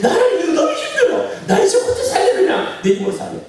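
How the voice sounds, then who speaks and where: A man's voice: very high voice, wildly swooping pitch, fast talker, gravelly, pitched above the performer's own voice, exaggerated voice. A sulking, tearful young woman, as a preacher puts her on whines her complaints in a voice pushed far above his own. The sound is distant and echoey, with a faint hum behind. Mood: sulky. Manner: whiny, complaining. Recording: echoey church hall, distant mic.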